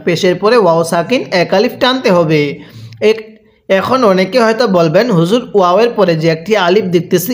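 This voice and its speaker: A man teaching a Quran recitation lesson, drawing out each syllable slowly for the listener to repeat, then explaining rules more briskly, with a Bangladeshi Bengali accent. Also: high voice. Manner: slow drawn-out syllables for repeat-after-me, brisker when explaining.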